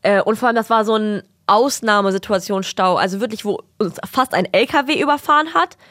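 A woman's voice: medium pitch, brisk, no echo, clean studio sound. A young woman co-hosting a podcast, casually telling a long anecdote, acting out family members' lines and mixing in English words. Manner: animated anecdote-telling with quoted voices and English words mixed in. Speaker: podcast co-host. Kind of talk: casual chat, storytelling.

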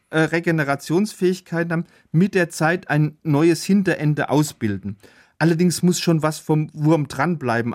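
A man as the biologist guest, calmly explaining facts in a podcast chat. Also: on the high side. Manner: patient, factual explainer.

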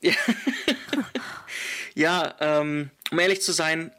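A young adult man, a guest, telling a personal story in casual speech with animated quotes and many fillers. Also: medium pitch, fairly quick, gravelly.

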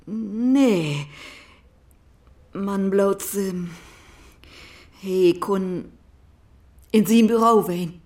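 Slow wistful woman speaking Low German. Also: darkish tone. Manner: wistful, slow, drifting into whispers. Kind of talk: radio play acting.

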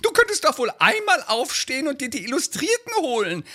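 A man playing a fussy, nagging middle-aged wife in a recited comedy sketch, with a shrill, reproachful voice. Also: huge pitch swings, fairly quick, sharp tone, full character voice.

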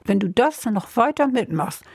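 A woman's voice: fairly high pitch, animated, moderate pace, gravelly, darkish tone, breathy edge, no echo, studio quality. An older woman from in an interview, candidly recounting her marriage in a rambling way, often quoting what was said. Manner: candid, rambling, quotes herself and others. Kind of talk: personal life story interview.

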